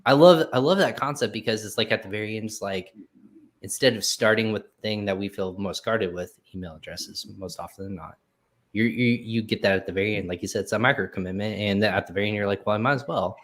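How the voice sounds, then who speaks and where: A man's voice: fairly low pitch, fast. A man hosting a podcast interview, chatting casually and acting out quoted lines. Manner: animated, acts out quoted dialogue. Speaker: podcast host.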